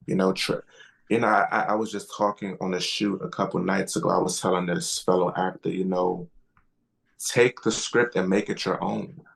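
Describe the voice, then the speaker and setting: Deep, gravelly-voiced man speaking haltingly. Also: fairly even intonation. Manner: hesitant, many fillers and restarts. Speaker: guest actor. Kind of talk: casual interview chat.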